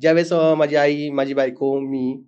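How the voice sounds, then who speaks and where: A man's voice: on the high side, steady tone, moderate pace, darkish tone, smooth, lo-fi sound. A man, a family vlogger, telling his story earnestly in a casual interview.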